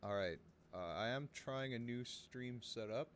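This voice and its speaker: A man's voice: medium pitch, unhurried, background noise. A man narrating a tabletop game as game master, informal and hesitant, improvising as he goes. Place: home, over online voice chat. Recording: home voice chat with background ambience.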